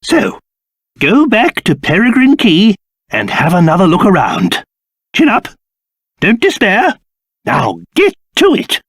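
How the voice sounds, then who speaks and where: An actor playing a pompous, fussy old king turned into a small monster in a video game, with a British accent and a theatrical, excitable delivery. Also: high-pitched, slow pace, pauses often, slightly rough, no room sound, clean studio sound, full character voice. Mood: encouraging.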